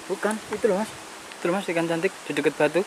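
Excitable higher-voiced man. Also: fast talker. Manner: excitable, repeats exclamations. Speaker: fishing companion. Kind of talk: casual chat. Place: riverbank outdoors. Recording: outdoor noise, insects.

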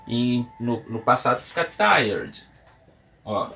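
A man's voice: medium pitch, big pitch swings, takes it slowly, gravelly, bright, forceful tone. A man with a Brazilian Portuguese accent teaching English at a whiteboard, explaining patiently step by step with examples and writing as he talks. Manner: writes and erases on the board while talking. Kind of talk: classroom lesson. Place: room with a whiteboard.

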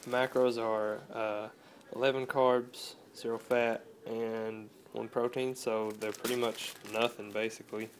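A nineteen-year-old fitness vlogger talks into a phone camera held close up in a room at home. Laid-back and rambling, he uses lots of "uh" fillers. His medium-pitched voice is flat and a little slow with hardly any pauses, over slight background noise.

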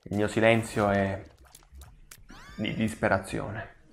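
A man hosting a gaming channel, giving excitable let's play commentary, swearing and pleading with the enemies on screen. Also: fairly low pitch, slow, creaky, slight background noise.

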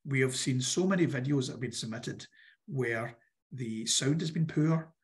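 A man presents a workshop on funding applications, his voice croaky and he clears his throat now and then. His pitch sits in the middle range for a man. He speaks in a direct, instructive way and keeps coming back to the key points. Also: moderate pace.

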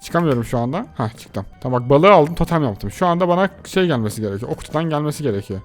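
A young man hosting a let's play video, excitably chattering to his viewers while he plays. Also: a little high, fast. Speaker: gaming channel host.

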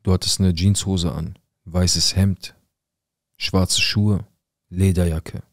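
A man's voice: low voice, flat delivery, slow, dry recording, clean studio sound. A man quoting a coldly menacing mother. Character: menacing unstable mother, woman, middle-aged.

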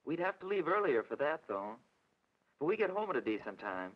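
A young man with an American accent playing a casual, keen high school boy in a 1940s instructional film. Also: sing-song, a little fast. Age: young adult. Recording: dull, lo-fi 1940s film soundtrack.

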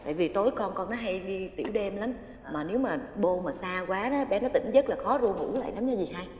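An actress playing a soft-spoken young mother who is polite and coos to her baby. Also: mid-range voice, lively intonation, fast talker, dull audio, a little hiss or hum, lightly acted. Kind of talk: TV drama acting. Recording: roomy reverb with music behind.

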